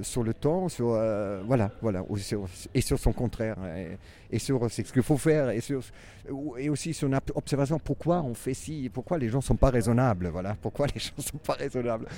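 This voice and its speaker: Man, German accent, mellow voice, circus artist musing aloud in interview. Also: medium pitch. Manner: halting, many restarts, reflective. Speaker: circus performer and clown. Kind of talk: interview answers.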